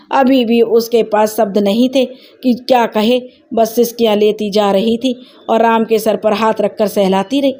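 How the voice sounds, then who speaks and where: Mellow-voiced woman narrating a story. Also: fairly high pitch.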